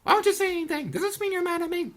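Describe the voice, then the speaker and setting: Reading game dialogue aloud in a put-on voice, a woman plays a young girl, a rich debutante who has fallen into poverty. Her extremely high, pushed-up voice is animated and gushes rapidly in a theatrical, pleading, self-pitying way. Soft music plays in the background.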